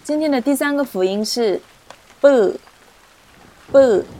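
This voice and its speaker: A woman teaching pronunciation, explaining patiently and repeating syllables slowly for learners. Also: mid-range voice. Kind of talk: slow, clear teaching explanation with drilled syllables. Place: indoors, rain heard outside.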